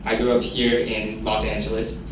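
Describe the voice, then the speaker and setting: A man in his twenties introducing himself and telling a story in a relaxed, casual way. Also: on the low side, moderate pace. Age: 20s. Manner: relaxed storytelling, says "like" a lot. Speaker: interviewee. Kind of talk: casual interview answers. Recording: echoey room, far from mic, noisy.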